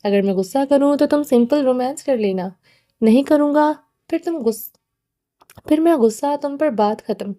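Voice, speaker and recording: A woman's voice: high voice, dark tone, lightly acted. A woman reading the part of a menacing, short-tempered young man in a storybook, in a cold, commanding way.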